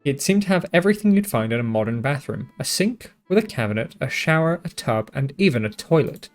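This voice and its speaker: A man's voice: mid-range voice, very animated, brisk, soft background music. A man reading a visual novel aloud, with joking asides, swearing and stumbles over words. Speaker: gaming YouTuber.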